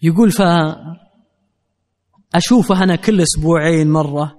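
Man, preacher, high-pitched voice, long reverb of a hall. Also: moderate pace, darkish tone. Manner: earnest, addresses the crowd directly. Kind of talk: sermon with storytelling.

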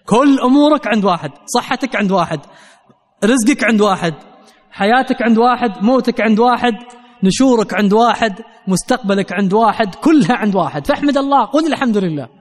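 A man's voice: sits high, lively intonation, fast, in a large hall. A man preaching a sermon, telling a story and earnestly addressing his listeners directly.

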